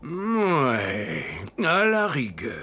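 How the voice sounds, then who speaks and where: An actor playing an old, grumbly but fond Santa Claus mentor in a theatrical French cartoon dub. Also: male voice, fairly high pitch, huge pitch swings, very slow, sharp tone, slight background noise, full character voice. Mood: exasperated. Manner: theatrical, exclamatory. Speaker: Santa Claus training his apprentice. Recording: music behind the voice.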